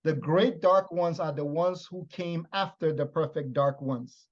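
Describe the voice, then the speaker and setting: A man's voice: on the high side, a little slow, lo-fi sound. A man from Liberia teaching in a lecture style, stressing his points with repeated phrases. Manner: emphatic, repetitive teaching phrases.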